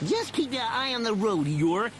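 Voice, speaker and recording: A man voicing a childish, bossy and excitable vampire duck count in a storybook reading, self-important and quick to take offence. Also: very high voice, slight background noise, voice pushed up, full character voice.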